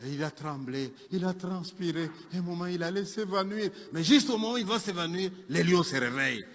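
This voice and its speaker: A man telling a joke as a lively story, with asides to his listeners. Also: high voice, fairly quick. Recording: long hall reverb, faint music.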